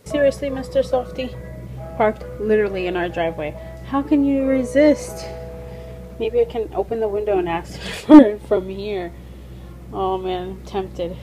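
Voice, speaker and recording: A young woman, a mother, chatting through her vlog in a gushing, chatty way with soft half-whispered asides, at home and then out at a park. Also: mid-range voice, normal speed, faint music behind, poor audio. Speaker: vlogger and mother. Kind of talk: casual vlog narration. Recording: steady background noise.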